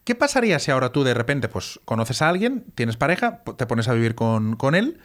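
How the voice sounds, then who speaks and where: A man's voice: medium pitch, sing-song, fairly quick, a bit bright. A man co-hosting an unscripted chat, asking teasing, probing questions. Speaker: podcast co-host.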